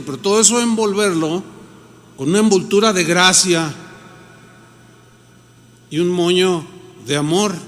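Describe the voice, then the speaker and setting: A man's voice: sits high, fairly bright tone, long reverb tail. A Mexican man, a pastor, preaching a sermon in a conversational way and acting out the people he quotes.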